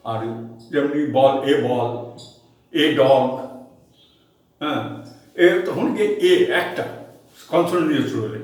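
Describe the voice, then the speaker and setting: A man's voice: on the high side, far from the mic. A man with a Bengali accent teaching an online English grammar lesson in Bengali, explaining patiently, repeating examples and asking the class questions. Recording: echoey room, voice from off-mic.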